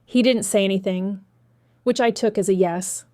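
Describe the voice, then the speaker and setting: Woman, audiobook narrator, first-person cozy mystery reading, even conversational delivery, mid-pitched voice, close dry recording. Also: normal speed, no room sound.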